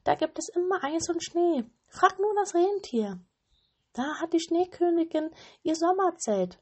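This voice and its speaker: A woman voicing small cooing wooden doves in a fairy tale, with quick, high chatter. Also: lively intonation. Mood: eager.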